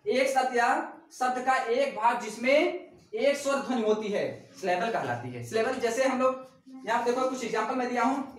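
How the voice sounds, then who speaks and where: A woman teaching a grammar lesson, repeating points and asking check-in questions. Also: on the high side. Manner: repetitive, asks rhetorical check-questions. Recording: echoey room, voice far from mic.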